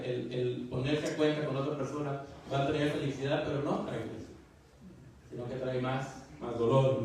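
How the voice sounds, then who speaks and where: Folksy preacher in an echoey church. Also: male voice, mid-range voice, darkish tone, far from the mic, slight background noise. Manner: folksy, repeats "¿verdad?" and "hermano"; restarts words and stammers. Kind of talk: Spanish sermon. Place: church sanctuary.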